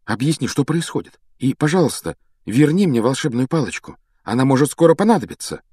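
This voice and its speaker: A man's voice: lowish voice, big pitch swings, quick pace, breathy edge, dry recording. A man voicing a frightened twelve-year-old boy wizard, pleading with breathless urgency. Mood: urgent. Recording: dry close audiobook sound.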